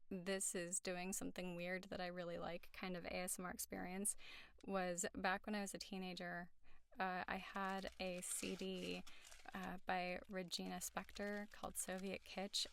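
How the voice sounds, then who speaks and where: A woman in her thirties rambling in a soft-spoken ASMR voice, halting and restarting, now and then slipping into a whisper. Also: medium pitch, creaky, a little hiss or hum. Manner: drifts into whispers. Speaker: ASMR creator. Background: tapping and rainstick sounds.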